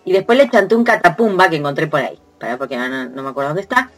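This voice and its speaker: A woman's voice: low-pitched, lively intonation, racing. A woman with a Rioplatense Spanish accent, hosting a casual podcast chat, playful and laughing often as she sounds out onomatopoeia. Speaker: podcast host.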